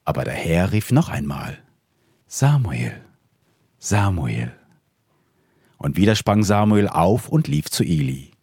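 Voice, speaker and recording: A man's voice: low voice, sing-song, normal speed, few pauses, a little mellow, breathy edge, dry recording, clean studio sound. A man reading a Bible story aloud as a dramatized narration. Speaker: scripture reader.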